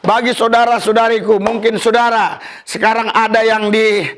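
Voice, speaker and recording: A man preaching a fervent sermon as pastor, often calling out hallelujah and rising to exultant shouts. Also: sits high, little pitch movement, normal speed. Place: church service.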